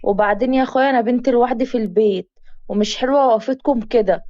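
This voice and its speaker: A woman's voice: a little high, quick pace, mellow, dry recording, lo-fi sound, lightly acted. A woman voicing a frightened young village woman. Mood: fretful. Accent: Egyptian Arabic. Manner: fretful exclamations.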